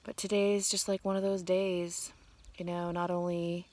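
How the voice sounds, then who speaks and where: A woman's voice: fairly low pitch, little pitch movement, normal speed, a little mellow. A woman vlogging outdoors on a mountain trail, talking to the camera in a tired, stressed way, often sighing and half-whispering. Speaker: vlogger on a long-distance hike. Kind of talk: casual vlog talk to camera.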